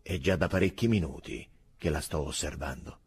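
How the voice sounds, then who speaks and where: A man voicing a calm, dutiful army sergeant who speaks evenly and slowly. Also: extremely low pitch, breathy edge, full character voice. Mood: steady. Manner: even, slow, dutiful, matter-of-fact. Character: calm older male army sergeant, by-the-book.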